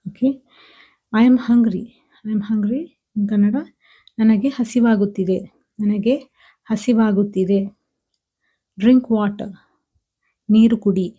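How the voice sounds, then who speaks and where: A woman teaching a language lesson, saying each phrase twice, slowly and patiently. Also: mid-range voice, steady tone, dark tone, slightly rough. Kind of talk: slow, repetitive language lesson.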